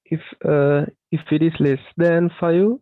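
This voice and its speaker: A woman's voice: deep voice, steady tone, unhurried, no room sound. A woman medical student answering questions hesitantly and politely. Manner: hesitant, polite, many fillers. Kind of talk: answering in an online class. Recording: tinny phone-like line, dry.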